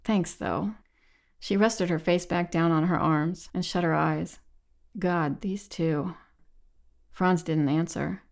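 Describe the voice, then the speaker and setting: A woman reading a novel aloud in measured, even audiobook narration. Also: lowish voice, creaky.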